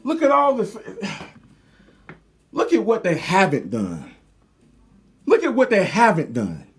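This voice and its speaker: A man's voice: sits high, huge pitch swings, takes it slowly, soft background music. A man ranting heatedly to his viewers, profane, preachy and repetitive. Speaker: video commentator. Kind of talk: angry rant to camera.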